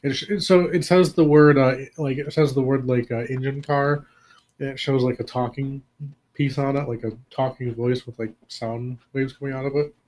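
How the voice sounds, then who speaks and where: An adult man running a tabletop game on a voice call, narrating in halting bursts full of fillers and restarts. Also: medium pitch, fairly even intonation, a little mellow. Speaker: game master.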